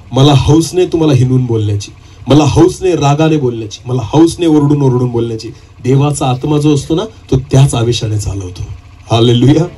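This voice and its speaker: A man's voice: medium pitch, warm tone, breathy edge, rough recording. A man preaching a sermon as pastor, his voice climbing in urgent bursts and punctuated by calls of hallelujah.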